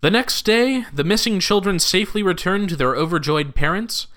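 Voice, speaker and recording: Bright, lively male narrator. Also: high-pitched, moderate pace. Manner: lively, expressive storytelling. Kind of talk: scripted audio drama narration.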